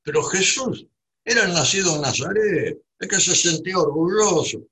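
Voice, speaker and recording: Pitched high and expressive, the voice of this Buenos Aires man is bright and forceful, moving at a moderate pace against slight background noise. His Rioplatense Spanish monologue is digressive and reflective, full of restarts and tag questions.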